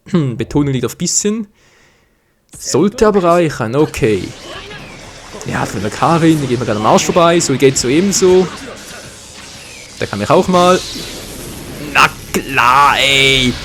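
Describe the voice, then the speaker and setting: A man with a German accent giving excited live commentary over a fighting game, groaning and swearing at his misses. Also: on the high side. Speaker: gaming commentator. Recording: game music behind. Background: faint game music.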